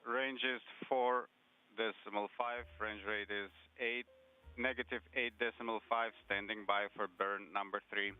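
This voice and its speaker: A man's voice: on the low side, little pitch movement, unhurried, smooth. A man giving clipped procedural callouts as an interpreter over a tinny space-to-ground radio link. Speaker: interpreter relaying spacecraft comms. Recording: tinny radio line with faint music.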